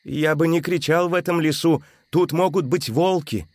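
Man voicing a nervous little critter, raised pitch, jittery warnings. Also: moderate pace, no echo, lightly acted. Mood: anxious. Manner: anxious warnings. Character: small timid creature, cautious and jumpy.

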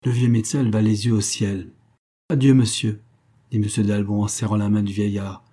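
Give me a low-voiced man calmly narrating a classic novel. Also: quick pace, breathy edge. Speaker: audiobook narrator. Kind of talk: literary audiobook narration.

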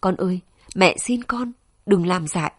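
A woman's voice: fairly low pitch, unhurried, slightly rough, no room sound, clean studio sound. A woman voicing a tender, worried mother who soothes and pleads with her daughter, in a storybook reading. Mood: pleading.

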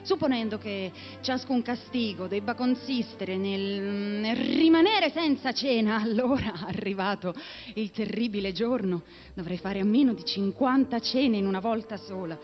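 A woman's voice: medium pitch, normal speed, a little mellow, faint music behind, close to an everyday voice. A woman voicing an imaginative little girl chattering playfully to her kitten. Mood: dreamy.

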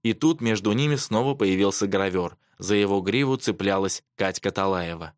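A man reading a children's adventure story aloud as narrator, measured and even. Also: fairly low pitch, no room sound, studio quality. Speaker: audiobook narrator. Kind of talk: scripted narration.

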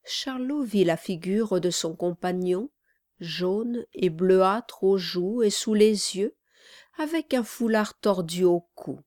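A woman reading a story aloud as an audiobook narrator, in a measured, unhurried way. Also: medium pitch, darkish tone, no room sound, studio quality. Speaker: audiobook reader. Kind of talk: scripted narration.

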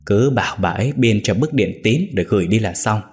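A man voicing a cruel, sharp-tongued young woman, the daughter-in-law in a story, sneering and mocking. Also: fairly low pitch, expressive, brisk, lightly acted.

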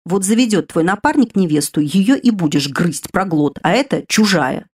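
A stern male fire spirit who scolds and grumbles at the others, as a woman puts him on. His tone is gruff and reproachful in a storybook reading. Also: fairly low pitch, lively intonation, moderate pace, a little mellow. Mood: scolding.

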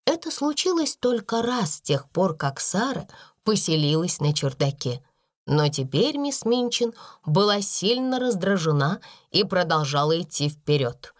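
Woman, audiobook narrator, expressive storytelling, very lively pitch, dry close sound. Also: unhurried, dry recording. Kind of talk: scripted narration.

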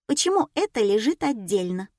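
A woman's voice: fairly high pitch, very animated, moderate pace, no echo, studio quality. Woman doing a brash mocking teenage girl. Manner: loud, mocking, blunt.

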